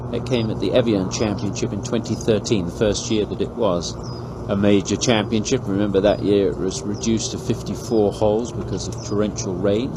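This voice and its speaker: A man working as a golf commentator, calling live tournament play. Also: fairly low pitch. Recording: clear background noise, outdoor ambience.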